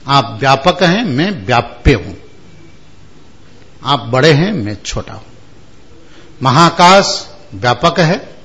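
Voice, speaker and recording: Slow, measured man giving a spiritual discourse. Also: mid-range voice, a bit bright. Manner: explains verses word by word, asks listeners "haan?". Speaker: religious discourse speaker. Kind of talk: Hindi spiritual discourse with chanted Sanskrit verses.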